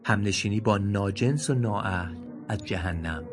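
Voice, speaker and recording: Man doing a proud husky gazelle. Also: fairly low pitch, music in the background, lightly acted. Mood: indignant. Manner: raised, pleading and indignant. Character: proud grieving adult male gazelle. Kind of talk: storybook voice acting.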